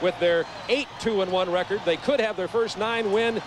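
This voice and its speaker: High-voiced American football play-by-play man. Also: normal speed. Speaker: play-by-play announcer. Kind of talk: live football commentary. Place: outdoor football stadium. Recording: noisy outdoor stadium broadcast.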